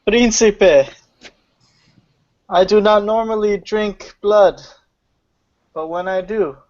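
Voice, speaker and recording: Man putting on a high lilting vampire toast. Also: slow pace, a little mellow. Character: suave male vampire raising a toast. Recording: muffled lo-fi, distant from mic.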